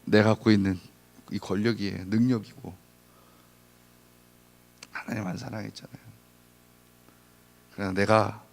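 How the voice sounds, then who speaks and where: A male pastor giving a lively sermon, acting out little scenes in different voices. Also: mid-range voice. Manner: animated, acts out little scenes.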